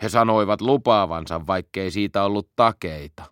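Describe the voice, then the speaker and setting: A man calmly reading a children's story aloud as audiobook narration. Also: fairly low pitch, smooth, no echo, clean studio sound. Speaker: audiobook reader.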